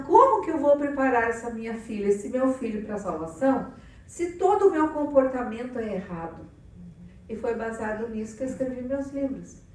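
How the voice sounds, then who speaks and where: A woman with a Brazilian Portuguese accent preaching on family life, animated and playful, acting out little dialogues. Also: on the high side, slight background noise. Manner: animated, playful, acts out quotes. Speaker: church speaker on family life. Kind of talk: lively sermon talk with acted dialogue. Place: church hall. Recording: echoey hall, far from mic.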